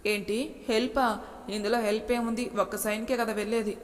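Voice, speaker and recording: A woman's voice: on the high side, steady tone, brisk, natural voice. A woman voicing a lazy middle-aged office colleague who jokes and teases. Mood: teasing. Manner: teasing, jovial banter. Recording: long reverb echo.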